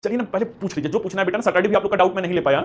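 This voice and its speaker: Speaking fast and fairly high, a history teacher leads a live online session for civil service exam candidates, taking questions from the chat. He keeps things warm and talkative, addresses students as beta, and blends English phrases into Hindi.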